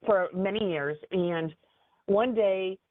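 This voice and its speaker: A woman business advisor giving a webinar training in an animated, conversational way, with frequent fillers. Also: medium pitch, slow pace, dry recording. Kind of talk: webinar presentation. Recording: tinny phone-like dry audio.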